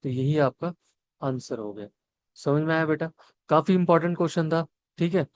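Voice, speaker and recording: A man's voice: a little high, moderate pace, a little mellow, no room sound. A young man teaching a maths lesson, talking through each step and asking his students questions as he works. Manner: explains step by step, asks the students questions and answers them; mixes Hindi and English.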